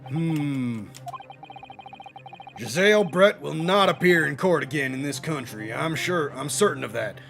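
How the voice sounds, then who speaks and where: Game professor, elderly man, as acted by a male player, grumpy country drawl, gravelly, background music. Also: a little high, lively intonation, unhurried, a bit bright, exaggerated voice.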